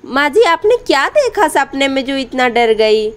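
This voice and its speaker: A woman's voice: high voice, big pitch swings, a little slow. Caring young daughter-in-law, voiced by a woman. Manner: gentle, reassuring.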